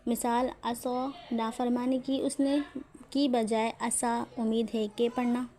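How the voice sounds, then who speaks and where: A woman's voice: on the high side, flat delivery, mellow. A woman teaching a religious lesson on Quran recitation, explaining carefully and repeating words to show how they are pronounced.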